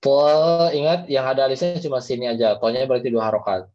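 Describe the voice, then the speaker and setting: A man's voice: medium pitch, fast, a little mellow, faint music behind. A man, teaching Quran recitation in an online class, patiently explaining and modeling the readings aloud. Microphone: video call. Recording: dull lo-fi video call audio.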